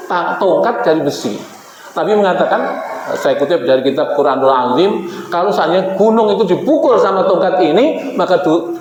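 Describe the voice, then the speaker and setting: High-voiced male preacher in an echoey hall. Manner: animated, acts out quoted figures, addresses the women present. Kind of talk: Islamic sermon with storytelling. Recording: echoey hall with faint background noise.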